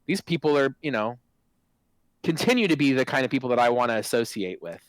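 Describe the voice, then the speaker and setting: A man in his forties chats as a stream guest, excitable and loose, restarting sentences and swearing freely. His voice sits at an ordinary pitch. The sound is dry and close. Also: brisk, no echo, rough recording. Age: 40s. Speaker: guest, former game product manager. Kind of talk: casual interview chat.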